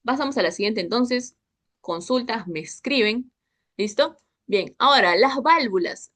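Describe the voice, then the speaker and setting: A young woman tutors a histology class online in a slightly high, expressive, a bit bright voice, speaking a little slowly. She's chatty and keeps checking in with her students, constantly asking "¿ok?" and "¿listo?".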